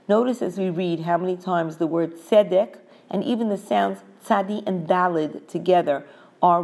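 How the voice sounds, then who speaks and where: Woman teaching verse by verse, kinda low and gravelly, slow careful reading. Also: dark tone. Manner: reads verse in Hebrew, then explains in English. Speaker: Torah teacher. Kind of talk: measured scriptural lesson.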